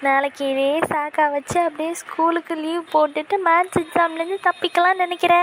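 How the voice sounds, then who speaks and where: Woman as cartoon little sister, high, cheeky and tattling. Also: fairly even intonation, a little fast, a bit bright, slight background noise. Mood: teasing. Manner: teasing, tattling.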